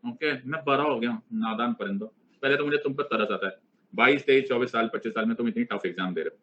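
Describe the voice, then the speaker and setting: Speaking fast in a mid-range, fairly bright voice, a middle-aged man lectures a live online exam-prep class. He's playful and teasing, switching between Hindi and English, and the audio sounds dull.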